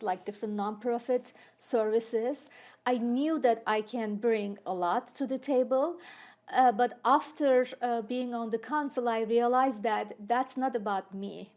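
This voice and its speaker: A middle-aged woman from Turkey with a Turkish accent, telling her story in a relaxed interview, with many fillers and restarts. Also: a little high. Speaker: city council candidate. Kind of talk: casual interview chat.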